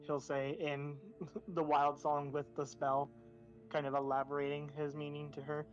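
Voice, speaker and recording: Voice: medium pitch, normal speed, faint music behind. Tabletop player, druid, playful, laughs a lot, muffled sound. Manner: laughs often, relaxed, playful. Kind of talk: tabletop role-play chat.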